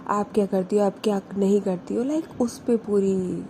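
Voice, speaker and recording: A woman's voice: medium pitch, unhurried, mellow, a little hiss or hum, close to an everyday voice. A woman storyteller voicing a shy, nervous young college woman who protests hesitantly.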